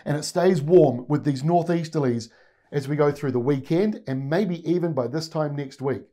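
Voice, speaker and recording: A New Zealand-accented weather presenter in his forties gives a conversational forecast in a studio, pointing at the weather maps behind him as he explains. His voice is on the high side and mellow, at a moderate pace, picked up by a lapel mic.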